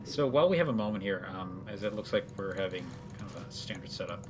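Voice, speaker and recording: A man's voice: fairly low pitch, lively intonation, quick pace, over music. A man casting a live video game match as host, chatty and explanatory as he breaks down the play. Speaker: esports caster.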